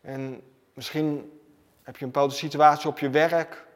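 Male preacher, fairly high voice, emphatic repetitive sermon delivery, reverberant hall sound. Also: flat delivery, unhurried.

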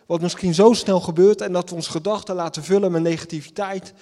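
A man's voice: high-pitched, fairly even intonation, quick pace, dark tone. Earnest preacher man in a reverberant hall. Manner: earnest, with emphatic repetitions and rhetorical questions. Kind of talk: sermon with scripture reading.

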